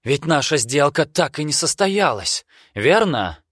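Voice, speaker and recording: A man's voice: fairly high pitch, very animated, a little slow, fairly bright tone, no room sound, studio quality, pitched above the performer's own voice, heavily acted. A man voicing a desperate, defiant young nobleman who speaks in a strained, raised and emphatic way.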